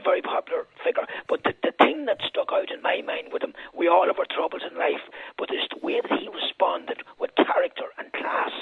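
An Irish man with a raspy, breathy voice, speaking conversationally in tribute as a radio guest. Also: high-pitched, no echo, narrow, tinny audio.

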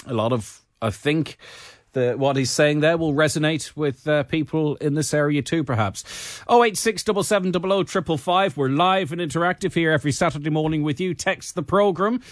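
A radio host with a lilt, his voice sitting a little higher than most men's. He talks in a chatty, easygoing way, with a dry, close studio sound. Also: a little fast, dry recording. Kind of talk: live radio interview.

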